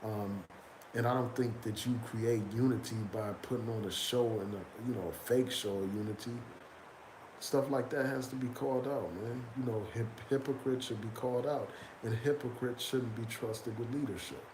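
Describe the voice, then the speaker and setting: A YouTube commentator with a cold sniffles while loosely reading chat to his viewers on a casual live stream, sprinkling in plenty of "um" and "man." He has a medium-pitched, steady voice at a moderate pace, and the room is echoey with background noise.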